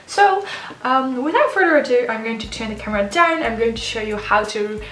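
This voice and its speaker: High-voiced woman, slightly swollen-jaw speech. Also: expressive, fairly quick, a bit bright, roomy sound, a little hiss or hum, poor audio. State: swollen jaw after wisdom teeth removal, speech slightly impeded. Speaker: letter-writing blogger and video host. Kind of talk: casual chatty how-to vlog.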